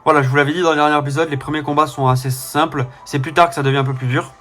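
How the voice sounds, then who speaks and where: A man's voice: on the high side, little pitch movement, very fast, a bit bright. A young man with a faint southern French accent, casually commenting on a game he plays, rambling with fillers and self-corrections. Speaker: let's player.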